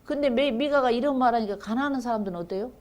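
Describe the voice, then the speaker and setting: A woman's voice: on the high side, quick pace, darkish tone. A middle-aged woman giving a seminary bible lecture, chatting with students and reading scripture aloud with emphasis.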